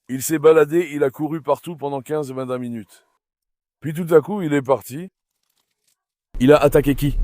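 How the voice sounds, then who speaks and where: A man's voice: a little high, a little mellow, dry recording. A middle-aged man hosting a casual dog-farm vlog, chatting to viewers and calling out fondly to his dogs. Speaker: dog breeder and channel host.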